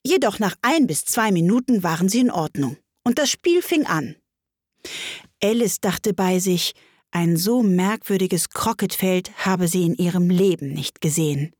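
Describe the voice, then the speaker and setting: Expressive woman reading a storybook. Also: lowish voice, unhurried, husky, dry recording, clean studio sound. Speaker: narrator. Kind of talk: audiobook reading of a classic tale.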